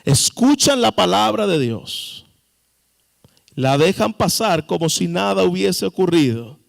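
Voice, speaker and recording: Pastor man preaching slow and high, gravelly voice, long church hall reverb. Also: big pitch swings. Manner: preaching, with sudden emphatic rises and questions to the congregation. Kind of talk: sermon. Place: church sanctuary.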